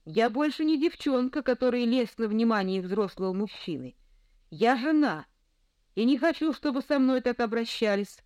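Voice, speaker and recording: A woman's voice: on the high side, lively intonation, normal speed, darkish tone, no room sound. A woman narrating a first-person novel in an earnest, reflective manner. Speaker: audiobook reader.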